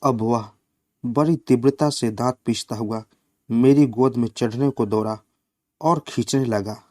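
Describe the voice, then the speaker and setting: Slow, measured male storyteller. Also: mid-range voice, warm tone, no room sound, clean studio sound. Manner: slow, measured reading with quoted lines voiced in the flow. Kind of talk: reading a satirical short story aloud.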